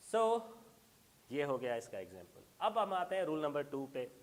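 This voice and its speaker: A man's voice: a little high, very animated, normal speed. Patient male grammar teacher. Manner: explains patiently, calls students "beta", mixes English terms in. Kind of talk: classroom grammar lesson.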